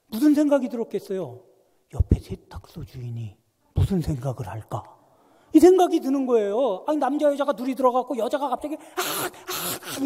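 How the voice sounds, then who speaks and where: A man preaching a sermon as a guest pastor, telling a story with animated swings between hushed and loud delivery. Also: high voice, slightly rough. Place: church sanctuary. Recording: long church reverb.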